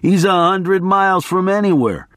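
A wild, frantic attorney played by a man reading an audiobook, shouting in a raised, swooping voice with lots of movement. The sound is close and dry. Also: high voice, lively intonation, moderate pace, no room sound, voice pushed up. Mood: scheming. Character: manic adult male attorney, frantic and raving.

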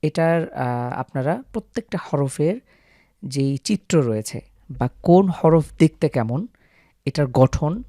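A man's voice: medium pitch, dark tone, no room sound, studio quality. A man teaching how to pronounce Arabic letters, explaining patiently step by step to viewers. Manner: patient, step-by-step, stretches out the sample letter sounds. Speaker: Quran recitation teacher.

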